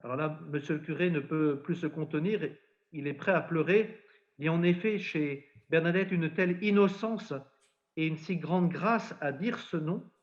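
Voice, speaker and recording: A man, a priest, tells a story in a podcast conversation at length, bringing quotes to life. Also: fairly high pitch. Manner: narrates at length, acts out quotes. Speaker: priest and spiritual adviser. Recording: dull lo-fi sound.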